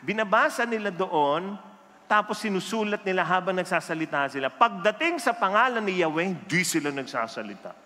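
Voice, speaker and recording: Lively high-voiced preacher in a reverberant hall. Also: male voice, fairly quick. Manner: animated storytelling, mixing Filipino and English. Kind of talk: sermon with jokes. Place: church hall.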